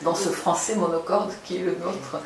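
Woman moderator with a lower voice, carefully worded questions, heard far off in a noisy, reverberant room. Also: steady tone, moderate pace. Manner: articulate, rephrasing as she asks. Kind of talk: question-and-answer after a reading. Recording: echoey room, distant mic, audible noise.

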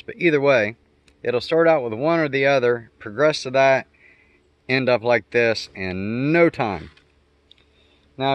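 Out in the garden yard, the homestead vlogger casually explains things without a script as he walks around, thinking aloud and correcting himself. His mid-range voice is captured in a dry recording.

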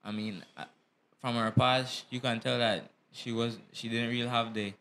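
A man's voice: mid-range voice, steady tone, normal speed, creaky, a bit bright, a little hiss or hum. A man co-hosting a Bible lesson, thinking aloud with small hesitations. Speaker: co-host. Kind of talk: casual discussion.

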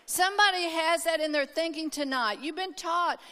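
A woman's voice: extremely high pitch, moderate pace, sharp tone. A woman preaching at a women's conference, telling a personal story with emphasis and calling out for amens. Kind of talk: sermon. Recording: hall reverb.

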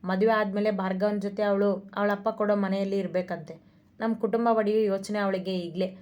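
A woman's voice: medium pitch, steady tone, a little fast, a little mellow, lightly acted. A woman voicing an elderly grandmother who explains matters in a plain, disapproving way.

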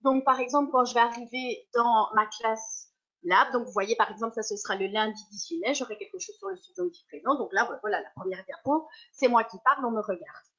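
Woman teacher walking through her online class setup, higher voice, muffled lo-fi call sound. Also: fairly quick. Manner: lively, explanatory, self-correcting. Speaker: primary school teacher. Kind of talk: webinar presentation. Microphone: video call. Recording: dull lo-fi online call audio.

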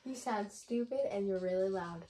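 A woman's voice: medium pitch, moderate pace, noisy background. A young woman bantering casually and playfully with a friend, repeating her phrases to be understood. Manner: repeats phrases to a partner who can't hear. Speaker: challenge video participant. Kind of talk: casual playful banter in a lip-reading game. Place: small bedroom, indoors.

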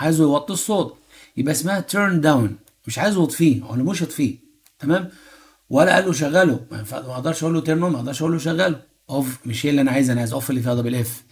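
An Egyptian man teaching English to exam students, with a voice at an ordinary middle pitch. He reads each English sentence slowly, then switches to fast Egyptian Arabic to translate and explain it. He keeps asking rhetorical questions and checking in with "okay?". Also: creaky. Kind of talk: exam-prep lesson explaining English phrasal verbs.

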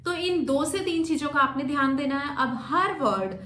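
A woman teaching exam speaking skills in a Hindi-English video lesson, explaining step by step and reading sample sentences very slowly. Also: high-pitched, expressive, pushed and bright. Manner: explains step by step, slows sharply for demonstration readings. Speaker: PTE exam coaching teacher. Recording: roomy echo with faint background noise.

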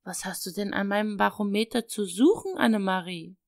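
A woman's voice: mid-range voice, fairly quick, creaky, lightly acted. A woman voicing a stern but loving father. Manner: firm, then gently teasing.

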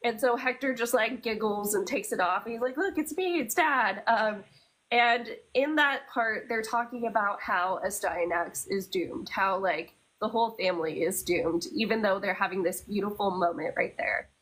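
A woman's voice: medium pitch, normal speed, fairly bright tone, rough recording. A young adult woman co-hosting a podcast, telling stories in a casual, chatty way with plenty of fillers. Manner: chatty storytelling with many fillers. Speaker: podcast co-host. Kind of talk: casual chat.

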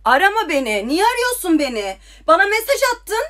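Heated and confrontational, a young TikTok livestreamer fires angry questions into her phone during a rant. Her very high voice swings widely in pitch, and she talks briskly with a fairly bright tone.

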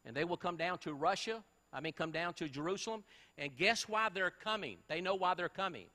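A man preaches emphatically from the pulpit, firing rhetorical questions at the congregation. His voice sits high and comes across sharp and forceful. It rings out with a long reverb through the church. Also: animated, a little fast. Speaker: pastor. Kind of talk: sermon. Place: church sanctuary.

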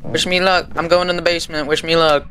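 A male streamer chatting casually with friends while playing a horror game, excitable and joking, often repeating himself. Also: fairly high pitch, fast, background noise. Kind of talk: casual gameplay chat with friends.

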